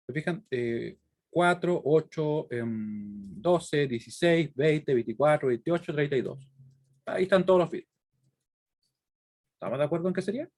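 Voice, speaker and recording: His voice slightly high and a little mellow, a Chilean-accented university lecturer explains material didactically. He works through examples out loud and keeps stopping to check in with students through brief questions.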